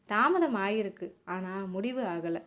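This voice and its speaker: A woman narrator voicing a young woman in love, tearful but gently resolute, in a soft, emotional voice pitched slightly higher than her narration. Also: lively intonation, slow pace. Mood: tender, tearful.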